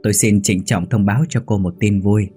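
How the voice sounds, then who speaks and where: A man's voice: fairly low pitch, fairly even intonation, a little fast, warm tone, breathy edge, soft background music. A man voicing a young, hot-tempered businesswoman who is a new mother, with a raised, tearful voice. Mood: teasing. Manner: tearful, sobbing pleas.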